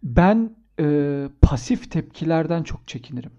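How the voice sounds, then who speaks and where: Brief: lively male instructor, dark mellow tone, jokey storytelling, muffled lo-fi audio. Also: a little high, a little slow. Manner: animated, acts out quotes, jokey. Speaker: instructor, podcast guest. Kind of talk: casual chat.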